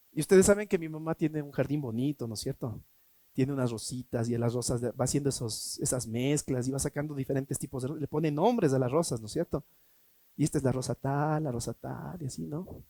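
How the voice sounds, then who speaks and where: A man preaching a sermon as pastor, emphatic, swinging between loud and hushed, asking rhetorical questions. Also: medium pitch, quick pace, no room sound. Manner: acts out quoted voices in a mocking tone.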